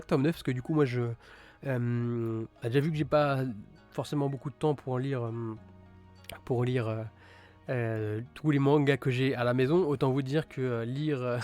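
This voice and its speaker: Male streamer, mid-pitched, chatty and halting, soft music under the voice. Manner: rambling, many fillers and restarts; enthusiastic about gory titles. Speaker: streamer reviewing manga. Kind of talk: casual live-stream chat.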